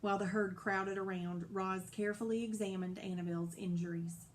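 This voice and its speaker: A woman narrating a children's novel aloud in a lively, dramatic storybook style. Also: mid-range voice, fairly quick, slight background noise. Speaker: audiobook narrator.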